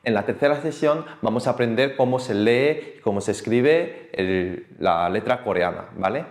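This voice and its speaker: A man's voice: medium pitch, normal speed. Guy teaching a class, patient, voice goes up and down a lot, echoey room. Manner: lively, patient, repeats words for the class to echo. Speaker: Korean language teacher. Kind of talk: online language lesson. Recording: echoey room with faint noise.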